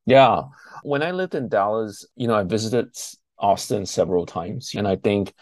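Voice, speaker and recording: Man in his forties from Malaysia, very low voice, dry close sound, measured interview guest. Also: darkish tone, dry recording. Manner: thoughtful, searching for words. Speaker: guest filmmaker. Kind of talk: interview answers.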